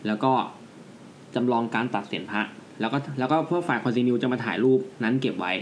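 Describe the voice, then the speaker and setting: A podcast co-host tells ghost stories in a fast, loose style full of crude slang, keeping the chat casual. His voice is medium-pitched, with a little hiss or hum in the recording.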